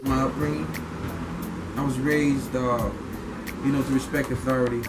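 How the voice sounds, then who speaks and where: A middle-aged man from Liberia talks through his views in an earnest, opinionated way, often pausing on fillers and restarting his sentences. His voice sits at an ordinary middle pitch. Loud music plays behind him throughout. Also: little pitch movement, rough recording. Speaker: interviewee. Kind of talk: casual interview answers.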